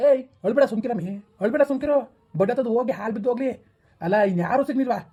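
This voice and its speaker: A stern village woman, played by a woman scolds and consoles her relatives in a family-drama skit. She speaks at a rapid clip, in a mellow, darker voice. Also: fairly high pitch, expressive, slightly rough. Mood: stern scolding. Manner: scolding, hushing others, rapid-fire.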